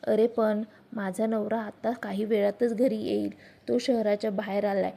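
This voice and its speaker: A woman voicing a brisk, practical young wife. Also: mid-range voice, level tone, creaky, dark tone.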